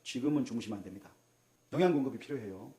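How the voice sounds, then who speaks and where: A Korean man preaching as a pastor, swinging between loud exclamations and hushed asides and asking the congregation questions. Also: medium pitch, rapid-fire. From South Korea. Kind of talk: sermon. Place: church sanctuary. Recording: roomy echo of a church hall.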